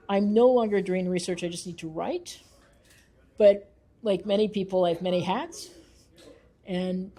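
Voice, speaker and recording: In an interview, a woman researcher and author explains her views earnestly in a mellow, soft-edged voice on the low side. She speaks thoughtfully and conversationally, leaning on key points with emphasis.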